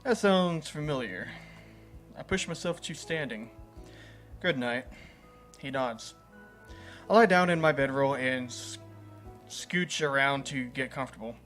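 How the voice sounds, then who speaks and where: A man's voice: mid-range voice, expressive, measured pace, fairly bright tone, soft background music. A man reading a visual novel game aloud as a gaming host, playful and chuckling at the story.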